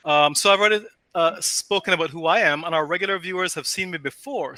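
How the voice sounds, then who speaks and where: A man hosting an academic podcast, giving a formal, measured introduction and asking his guest questions. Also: fairly high pitch, pushed and bright, no echo. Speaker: podcast host, professor. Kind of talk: scripted podcast introduction and interviewing.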